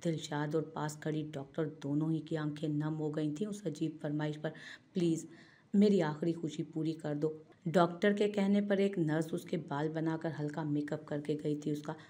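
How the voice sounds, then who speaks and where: A woman narrating a romantic novel in a slow, solemn, even reading. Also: sits low. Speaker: audiobook narrator.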